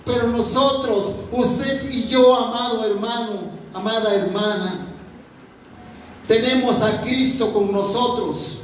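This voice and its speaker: A man's voice: extremely high pitch, takes it slowly, a little hiss or hum. A man preaching a fervent sermon to a congregation, repeating his phrases as he addresses them. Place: church. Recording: very echoey hall, mic from far off.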